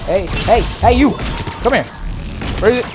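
A man giving live, excitable commentary over a video game, often shouting and swearing. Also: high voice, normal speed, over music. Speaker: gameplay commentator.

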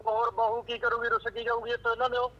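Man playing a scolding village uncle, curt, high bright voice, muffled phone sound. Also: completely flat delivery, quick pace, exaggerated voice. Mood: irritated. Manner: curt and scolding, cuts the other person short. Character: short-tempered village uncle on a phone call. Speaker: in-law on the phone. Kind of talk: rural comedy-drama acting. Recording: muffled phone line with faint noise.

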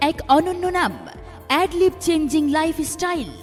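A woman announcing a street advertisement in a loud, drawn-out way, as if over a loudspeaker. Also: extremely high pitch. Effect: echoing loudspeaker-style announcement sound. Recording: long reverb with music underneath.

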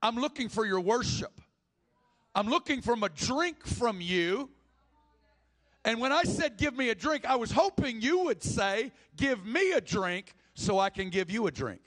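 A man preaches with fervor, his voice sitting high for a man. He acts out the people in the story as he tells it, swinging between speeches and quick asides. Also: animated, a bit bright. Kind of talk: sermon.

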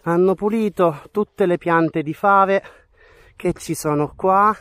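Speaking slowly in a high, somewhat bright voice, a man enthusiastically addresses viewers in a casual vlog about farming in the countryside. The footage comes from a wide-angle action camera he holds or wears, both outside on a farm plot and inside a small rural room.

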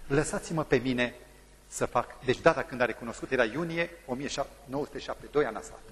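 Animated preacher man, husky, in a hall. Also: on the high side. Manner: dramatic storytelling, acting out the people in his story. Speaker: pastor. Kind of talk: sermon.

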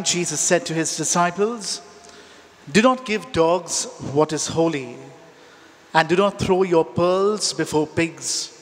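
Slow priest with cathedral echo. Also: male voice, on the high side. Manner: slow, measured, with pauses between phrases. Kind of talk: liturgical reading and homily. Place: large church. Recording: long church reverb.

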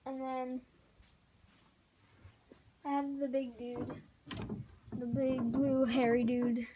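A woman's voice: high voice, level tone, takes it slowly, very noisy. A young woman hosting her own casual homemade vlog off camera. She rambles and giggles, with lots of likes and ums. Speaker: vlogger. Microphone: off-camera voice, face not shown.

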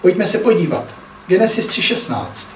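A man with a high voice preaches an earnest sermon, stopping often to ask his congregation whether they follow. His voice rings through an echoey hall, picked up from some distance, with a faint hum of room noise behind it. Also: big pitch swings. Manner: earnest, often checks in with listeners. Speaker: pastor. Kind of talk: sermon with scripture reading. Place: church hall.

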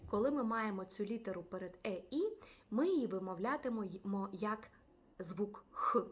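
A woman with a Ukrainian accent gives a video language lesson. Her voice sits at a middle pitch. She works patiently, saying each example word twice so it sinks in. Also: animated, normal speed. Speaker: language teacher.

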